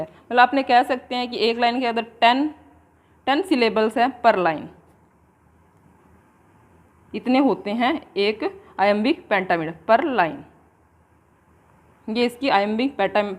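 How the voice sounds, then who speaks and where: Slow, high-voiced woman teacher dictating. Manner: slow dictation of English definitions, explained in Hindi. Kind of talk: exam-prep lecture.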